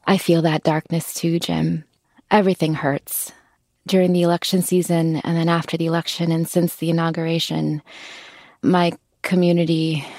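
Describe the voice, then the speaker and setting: A woman in her thirties, an activist guest in an interview, speaking earnestly and from the heart with soft laughs and small restarts. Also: lowish voice, creaky, dry recording, clean studio sound. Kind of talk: interview conversation.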